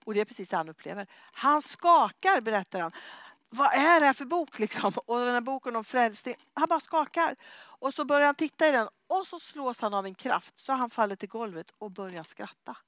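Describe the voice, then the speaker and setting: A middle-aged woman preaching and telling a story, lively, acting out the people she quotes and dropping to a whisper at times. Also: fairly high pitch, no room sound. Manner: lively, acts out quoted voices, drops to whispers. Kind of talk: animated sermon storytelling.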